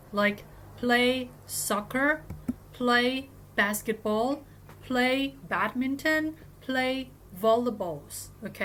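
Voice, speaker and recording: Brief: Thai woman teaching English, raised pitch, deliberate pace, faint noise underneath. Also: fairly bright tone. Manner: switches between slow careful English and quick chatty explanation. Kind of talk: online English lesson.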